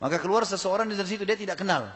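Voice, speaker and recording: An emphatic male preacher addresses a gathered audience, pressing them with rhetorical questions. His voice sits fairly high for a man. The sermon rings through a large, reverberant hall. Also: rapid-fire, fairly bright tone.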